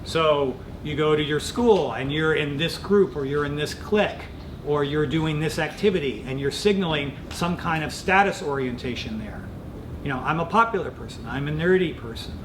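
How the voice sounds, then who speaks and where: A middle-aged male professor gives an explanatory lecture in a fairly high voice. His phrasing is thoughtful and informally academic. The room is very echoey, with a clear low rumble of noise behind him.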